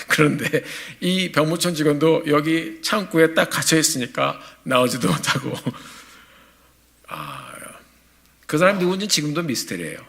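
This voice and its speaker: A male pastor in his forties preaching a sermon in a church, telling a story in a lively, animated way. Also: fairly high pitch, measured pace, creaky. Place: church sanctuary.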